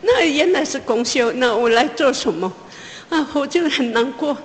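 With slight noise in the background, an animated woman recounts a personal testimony as a mother, halting and restarting. Her voice rises as the tension comes back to her in this emotional account, captured with a long hall reverb.

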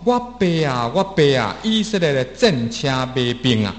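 A man's voice: medium pitch, big pitch swings, normal speed. A man interpreting a sermon phrase by phrase, with occasional restarts. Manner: repeats each phrase, with small restarts. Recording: roomy long hall reverb.

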